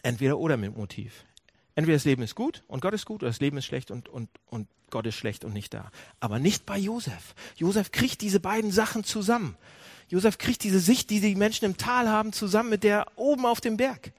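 Animated preaching man, lively voice. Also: sits high, brisk, dry recording. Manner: animated preaching, asks the audience questions; restarts and self-corrections. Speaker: pastor. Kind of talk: sermon to a congregation.

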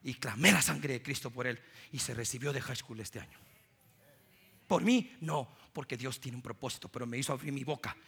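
A middle-aged man from Guatemala with a Guatemalan Spanish accent, preaching a sermon as pastor, telling stories that swing from loud preaching to soft, low asides. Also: brisk, creaky, slightly rough.

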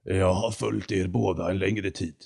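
A man voicing a deep, hoarse, arrogant condor. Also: steady tone, darkish tone. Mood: haughty. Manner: slow, haughty, lecturing. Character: arrogant giant talking condor, male.

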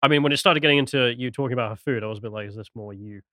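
A man co-hosting a live podcast, quick and wry as he steers the chat. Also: medium pitch, pushed and bright, dry recording, studio quality. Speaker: podcast co-host. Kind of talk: casual banter on a live stream.

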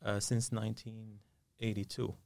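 A man's voice: on the low side, little pitch movement, moderate pace, gravelly, a little mellow, no echo. A man, a dentist talking as a guest in a podcast studio, hesitant and full of fillers. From Syria. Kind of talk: casual interview.

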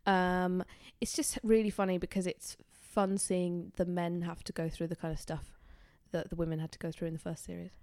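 A woman's voice: fairly low pitch, flat delivery, normal speed, hardly any pauses, a little mellow, no echo. Chatty woman, dry close sound. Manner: chatty, playful, trailing fillers. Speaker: podcast co-host. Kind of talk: casual chat.

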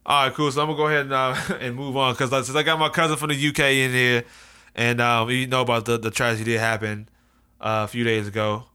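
An American man hosts a casual discussion. His voice is mid-pitched, bright and forceful. He speaks haltingly, circling back over words as he works toward the point. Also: level tone, smooth. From United States. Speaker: host.

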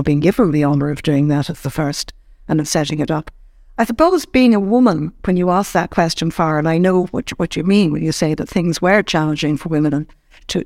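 An older woman from Ireland, a former ombudsman, recounting her career in an interview with measured, halting phrasing and many restarts. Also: lowish voice, a little mellow, no room sound, clean studio sound. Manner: measured, searching for words with frequent restarts. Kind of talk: reflective interview storytelling.

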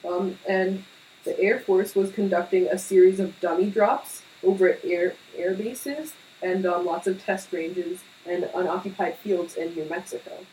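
A young woman co-hosts a podcast in loose, rambling chat full of fillers. Her voice sits a little low and slightly away from the mic. Faint hiss runs under the recording. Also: steady tone, measured pace, mellow, recorded from a distance, poor audio. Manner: chatty, lots of "like" and tangents, laughs often. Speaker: podcast co-host. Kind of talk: casual chat.

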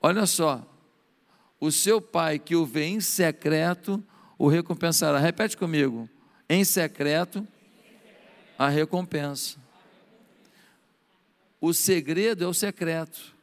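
Man, middle-aged, Brazilian accent, pastor, sermon, high voice, long hall echo. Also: slow pace, pauses often. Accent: Brazilian Portuguese. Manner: animated preaching, acting out prayers in a hushed voice.

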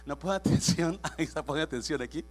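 A man's voice: on the high side, a little fast. A man preaching a sermon in church as pastor. He preaches with emphasis, repeats his phrases, quizzes the congregation and drops English words into his speech.

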